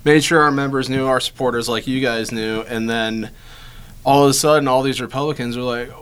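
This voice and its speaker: A man's voice: medium pitch, fairly even intonation, brisk, a bit bright, smooth. A man co-hosting a gun-rights show in casual, conversational chat.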